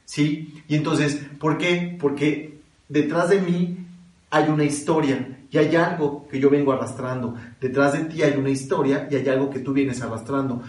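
A man teaching a spiritual class in an easy conversational way, pitching questions at his listeners and checking that they follow. His voice sits at an ordinary pitch and is picked up from some distance in a roomy, echoing space. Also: fairly even intonation, normal speed, hardly any pauses, darkish tone. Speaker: kabbalah teacher. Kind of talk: spiritual lecture. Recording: echoey room, mic at a distance.

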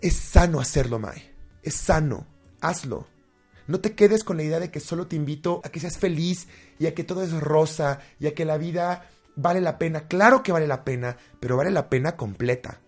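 A young man hosting a motivational self-help show, speaking with passion and building to loud outbursts. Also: fairly high pitch. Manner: impassioned, rising to near-shouting when acting out frustration. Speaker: host of a self-improvement show. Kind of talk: motivational monologue.

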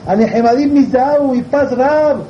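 A man's voice: animated, a little fast, a little hiss or hum. A man doing a weeping young yeshiva student. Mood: tearful pleading. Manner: high, crying, insistent. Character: young male Torah student, tearful and pleading. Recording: dull lo-fi recording.

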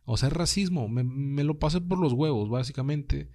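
Casting: young Mexican man, podcast host, low and mellow tone, loose and slangy, swears freely. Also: moderate pace. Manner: slangy, swears freely, says "güey" constantly. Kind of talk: casual solo podcast monologue.

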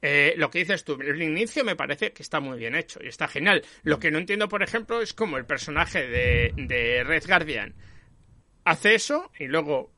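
Man, high lively voice, bright and dry, emphatic film chat. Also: normal speed, no room sound. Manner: animated, emphatic, swears casually. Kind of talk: casual film discussion.

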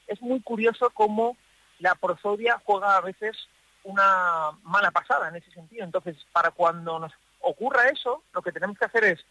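High bright-voiced man in a parked car. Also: no room sound, poor audio. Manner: thoughtful, with pauses and restarts. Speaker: psychologist guest. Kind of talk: explanatory radio talk.

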